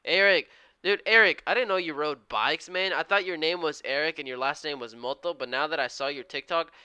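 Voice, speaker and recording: Hosting a live trading stream, a day trader in his twenties sounds upbeat and friendly, tossing out casual slang and thanking viewers again and again. His voice is on the high side, a little fast, crisp and smooth, with a bright, forceful tone. The recording is dry and close, with no room sound around it.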